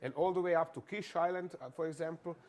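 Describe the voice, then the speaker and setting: Guy briefing on the news, slightly high voice, deliberate step by step. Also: a little mellow. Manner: methodical, deliberate, pointing things out step by step. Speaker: military analyst guest. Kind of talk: expert briefing on a news show.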